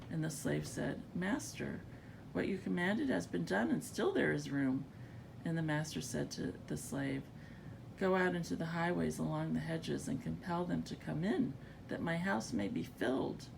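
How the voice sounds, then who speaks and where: Sounding as though she has only just gotten up, a woman reads scripture aloud informally in a gravelly, creaky voice. A rumble of background noise runs through the recording.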